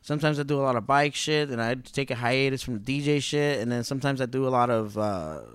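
A man's voice: medium pitch, fast, smooth, dry recording. A man hosting a casual podcast in profane, slangy bro talk, close to the microphone.

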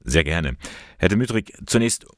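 A man presenting a church news report and interviewing a guest, with a clear, measured delivery. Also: deep voice, expressive, dry recording, clean studio sound. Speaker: radio presenter.

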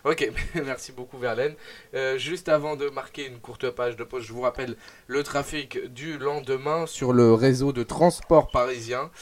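A young man hosting a live radio show, announcing segments and running a quiz in a lively, animated way with fillers. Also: medium pitch, moderate pace.

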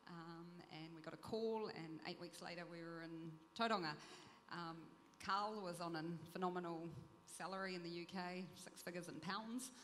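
A woman's voice: on the low side, moderate pace, hardly any pauses, a bit bright, big-room sound, a little hiss or hum. A woman pastor giving a candid, self-deprecating testimony. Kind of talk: testimony talk.

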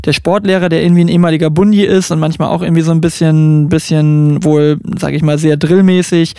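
A middle-aged man from Germany, co-hosting a casual chat podcast and telling stories with lively impressions of others. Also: fairly high pitch, fast talker, clear, resonant tone, dry recording, studio quality. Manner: animated storyteller, mimics others mid-story. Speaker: podcast co-host.

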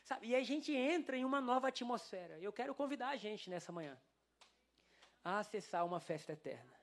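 A pastor with a Brazilian Portuguese accent preaches a sermon in church, telling a story and acting out the dialogue. His voice is high and brisk, and his animated delivery brings the quoted lines to life.

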